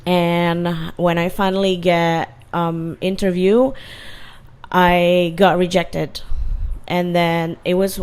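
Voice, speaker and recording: A woman speaks as an interview guest. She tells her story slowly and earnestly, restarting phrases and using fillers. Her voice is smooth and clear, set somewhat low. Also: little pitch movement, darkish tone. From Indonesia. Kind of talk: casual interview.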